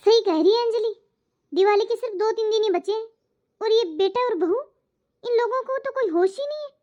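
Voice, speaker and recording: Shrill scolding mother-in-law. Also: fairly quick, a little mellow, muffled recording. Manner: scolding, nagging, accusing. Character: scolding middle-aged mother-in-law, nagging and sharp-tongued. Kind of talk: cartoon moral story dubbing.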